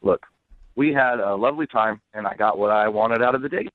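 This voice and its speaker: A man calls into an unscripted radio show as a guest, answering bluntly and smugly without apology. His voice is fairly low and brisk, and the dry recording comes through a telephone on a band-limited line.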